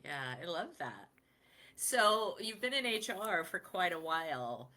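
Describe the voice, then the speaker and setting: Deep-voiced, bright woman host. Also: sing-song, measured pace. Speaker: podcast host. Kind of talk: conversational interview.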